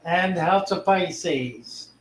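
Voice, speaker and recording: An older man hosts a casual fish-keeping livestream, speaking in a folksy, easygoing way and reading viewer comments aloud. His high-pitched voice draws out words, the sound is reverberant, and a crowd can be heard in the background.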